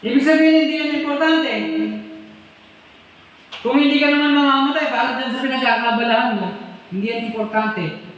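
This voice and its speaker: A male pastor preaching with fervor, pressing his congregation for responses. His voice sits high for a man. The sound booms through a church hall with a long, roomy reverb. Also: steady tone, brisk, long pauses, a bit bright. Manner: fervent, calls for response. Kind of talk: impassioned sermon.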